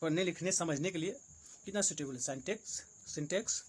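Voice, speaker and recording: Grammar teacher, male, high voice, Hindi-accented English, repeats rules patiently. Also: breathy edge. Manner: repeats rules and examples slowly, explaining each. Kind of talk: exam-prep grammar lesson.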